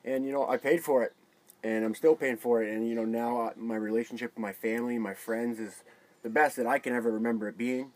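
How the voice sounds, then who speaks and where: A man speaking as an interview guest in a casual chat, halting and repeating words as he goes. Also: medium pitch, steady tone, darkish tone, rough recording.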